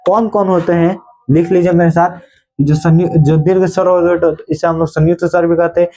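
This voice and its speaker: Man, teacher, grammar lesson, slightly high voice, mellow tone, rhetorical questions, dictation pace. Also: fairly even intonation, brisk. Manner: asks pupils questions and answers them himself; repeats key terms for dictation.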